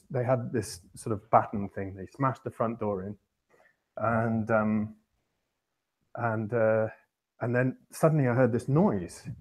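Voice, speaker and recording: A man hosting a podcast, telling a long personal anecdote in a rambling, self-correcting way with wry chuckles. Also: on the low side. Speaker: podcast host. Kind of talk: casual anecdote storytelling.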